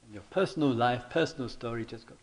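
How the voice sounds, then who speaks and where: A man teaching meditation in a question-and-answer dialogue, speaking deliberately and haltingly and often repeating his phrases. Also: mid-range voice, vocal fry.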